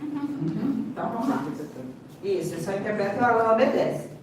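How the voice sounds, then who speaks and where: A high-pitched woman with a Brazilian Portuguese accent teaches at a live seminar. She keeps directing the audience's attention to the demonstration and drops in playful asides. Her voice rings through a very echoey lecture hall, picked up from a distance with faint room noise. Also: lively intonation, brisk, a little mellow. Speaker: seminar speaker and sign language interpreter.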